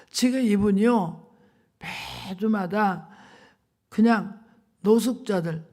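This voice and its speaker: A woman preacher delivers a revival sermon with a gravelly, creaky edge to her voice. She tells stories in an animated way and drives her points home with emphatic exclamations. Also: medium pitch. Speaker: evangelist preacher. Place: church revival meeting.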